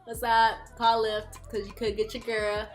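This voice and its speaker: Her voice is on the high side, unhurried and completely flat in delivery, with music in the background. Still, this early-twenties YouTuber from Houston, Texas is chatty and playful in her Q&A vlog, laughing often.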